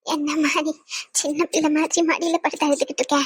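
A woman's voice: sits high, flat delivery, a little fast, dry recording, natural voice. A woman voicing a stern but caring older mother in a cartoon who lectures and scolds her family. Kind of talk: cartoon voice acting.

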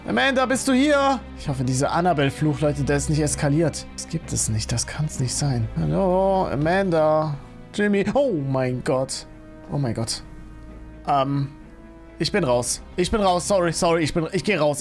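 Panicky young gaming streamer, music behind. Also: male voice. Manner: jumps between panicked high yelps and low fearful muttering; keeps talking to viewers as friends. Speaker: gaming YouTuber. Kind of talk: scared gameplay commentary.

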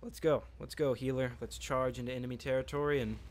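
A man's voice: mid-range voice, fairly even intonation, fast talker. A man giving casual let's-play commentary, rambling and joking to himself while he plays. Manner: rambling, joking, talks to himself mid-game. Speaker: gameplay commentator.

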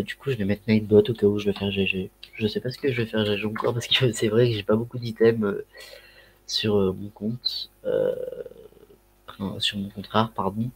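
Man, Ch'ti accent, husky low voice, casual livestream chat, headset mic. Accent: Ch'ti (northern French). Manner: rambling, many fillers and slang. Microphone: headset microphone.

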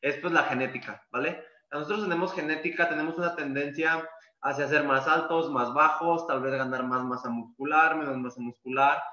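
Chatty coach, echoey. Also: male voice, on the high side, fairly even intonation, moderate pace, pushed and bright. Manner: casual, repeats words, fills with "pues". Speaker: calisthenics coach. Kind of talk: masterclass explanation. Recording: echoey room, dull lo-fi sound.

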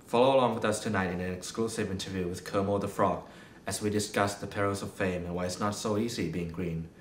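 A man's voice: fairly even intonation, fast, lightly acted. A young man playing a solemn TV newsmagazine anchor, narrating a parody documentary with grave, melodramatic delivery. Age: young adult. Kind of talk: scripted mock news documentary narration. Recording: roomy sound with rumbling noise.

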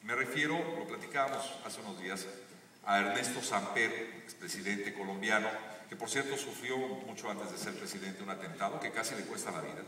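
A man giving an earnest, motivational talk on a theater stage, building to emphatic high points, recorded from the audience. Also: a little fast, bright, forceful tone, slight background noise. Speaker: guest speaker on a live stage talk. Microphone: stage PA, recorded from the audience seats. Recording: echoey theater audio from far off.

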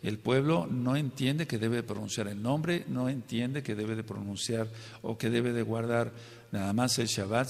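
A man's voice: on the low side, gravelly, long reverb tail. A male preacher teaching a Bible study sermon, emphatic, often asking the congregation to say amen and checking that they follow. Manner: emphatic, asks the congregation for amens and checks understanding.

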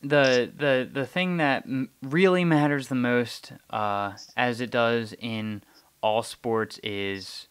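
A man's voice: medium pitch, fairly even intonation, slow, clean tone. A young man hosting a podcast, chatting casually about hockey, often repeating words while he thinks. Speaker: podcast host. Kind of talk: casual sports chat.

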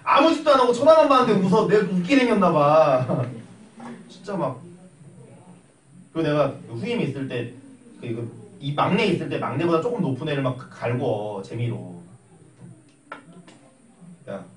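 Lively male math teacher in echoey classroom. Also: a little high, normal speed, a little hiss or hum. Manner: animated, acts out voices while telling stories. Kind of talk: classroom lecture with storytelling. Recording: echoey room, mic at a distance.

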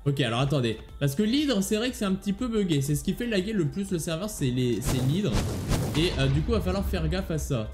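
A man's voice: a little high, expressive, brisk, over music. A man hosting a gaming video, chatting casually to viewers as he plays and playfully taunting the monsters he fights. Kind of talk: casual gameplay commentary.

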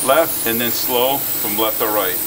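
A man's voice: medium pitch, a little slow. A man who operates a film coating machine, walking through each step in a matter-of-fact, instructive way. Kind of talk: explaining his work step by step. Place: large film coating room. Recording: distant mic in noisy factory.

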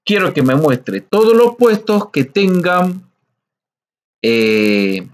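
Man, fairly high voice, unhurried teacher patiently walking through a coding lesson. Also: sing-song. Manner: patient, slow, explains step by step, frequent "¿sí?" checks.

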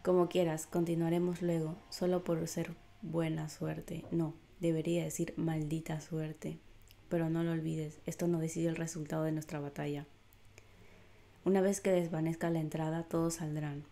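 A woman's voice: sits low, level tone, normal speed, creaky, dark tone. A woman doing a proud, scornful warrior.

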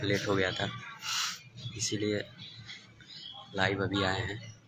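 A man with a Bhojpuri accent speaks softly in a low voice, greeting his viewers one by one in a relaxed live stream. He talks at an unhurried, slow pace and chuckles often. A steady hum of background noise sits under his voice. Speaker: singer and songwriter.

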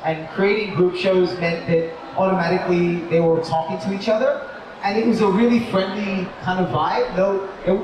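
A man giving a relaxed, rambling live talk as a toy company co-founder. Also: high voice. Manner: relaxed, rambling with fillers and restarts. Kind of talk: casual live presentation. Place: large indoor shopping mall expo. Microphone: distant mic on a live talk. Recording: echoey mall hall, distant mic, crowd noise.

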